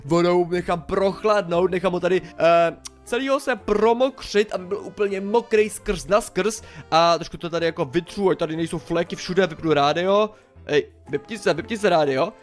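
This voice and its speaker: Excitable young male gaming YouTuber, high voice, chatty play-by-play over faint music. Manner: excitable, chatty, exclaims and swears mildly. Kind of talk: casual game commentary.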